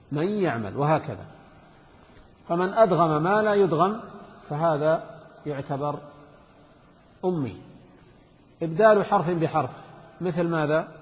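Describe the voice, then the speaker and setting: Man teaching jurisprudence in a hall. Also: fairly high pitch. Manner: repeats points, reads text then explains with examples. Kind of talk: explaining a fiqh text to students. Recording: dull reverberant hall sound.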